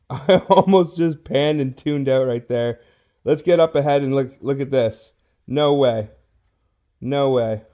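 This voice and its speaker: A man's voice: medium pitch, mellow. A man giving casual hobby vlog commentary to his viewers, full of awed exclamations. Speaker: host of a coin roll hunting video.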